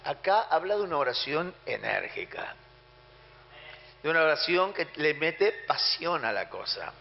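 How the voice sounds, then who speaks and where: Emphatic Argentine preacher, high voice. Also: male voice, very animated, measured pace, creaky. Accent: Argentine Spanish. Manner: emphatic, with acted-out prayers. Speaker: pastor. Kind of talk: sermon. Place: church hall. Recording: muffled sound in a reverberant hall.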